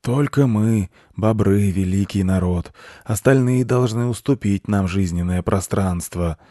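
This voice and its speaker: A man voicing a very old grey male beaver, a pompous zealot who speaks slowly and solemnly. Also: on the low side, dark tone, no echo, studio quality, natural voice. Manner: slow, solemn and self-important.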